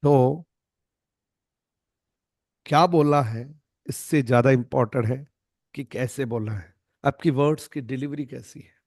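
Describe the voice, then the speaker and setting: A man's voice: mid-range voice, a little slow, pauses often, darkish tone, dry recording, clean studio sound. A man leading an online network marketing training, emphatic and demonstrative, acting out lines to show tone. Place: online video call.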